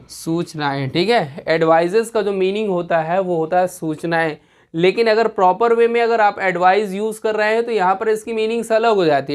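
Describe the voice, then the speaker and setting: A woman teaching an exam-prep grammar lesson, explaining step by step with frequent rhetorical questions and check-ins. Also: mid-range voice. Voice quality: clears throat now and then.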